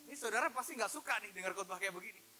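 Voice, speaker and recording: A man preaching a sermon as a pastor, animated, calling out to his listeners and acting out voices in his stories. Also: high voice, very fast, faint music behind. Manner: animated, addresses listeners as "Pak" and "saudara"; acts out his son's and God's voices.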